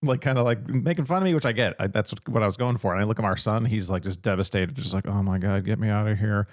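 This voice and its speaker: A man's voice: fairly low pitch, fast, no echo, clean studio sound. A middle-aged man from Chicago co-hosting a podcast, telling self-deprecating jokes in casual chat. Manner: joking, self-deprecating storyteller. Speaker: podcast co-host.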